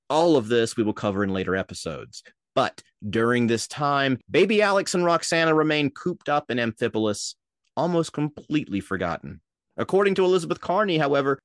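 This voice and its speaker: A young man with a Minnesotan accent, hosting a casual history podcast as a lively storyteller with jokey asides. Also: mid-range voice, no echo, clean studio sound. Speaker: podcast host.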